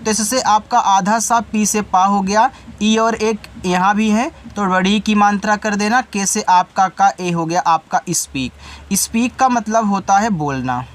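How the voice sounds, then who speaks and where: A man's voice: sits high, measured pace. A man teaching an online spelling lesson, patiently sounding out each word letter by letter and then explaining its meaning, speaking straight to his students and correcting his own slips. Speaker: English teacher.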